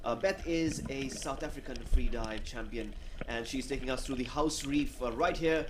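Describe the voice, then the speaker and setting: A man's voice: medium pitch, moderate pace, background noise. A man hosting a live stream, announcing questions and breaks, with frequent fillers. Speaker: stream host.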